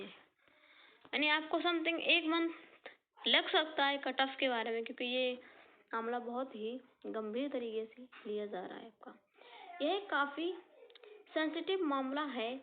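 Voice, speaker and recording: A woman coaching teacher explaining exam results to students in an earnest, informal way, often repeating and rephrasing her points. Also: high voice. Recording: tinny phone-like sound.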